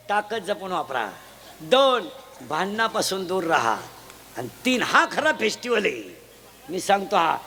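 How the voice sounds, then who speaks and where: A man giving a comic kirtan sermon, teasing and shouting questions to children in the audience. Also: high-pitched. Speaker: kirtan preacher. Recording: noisy live event ambience.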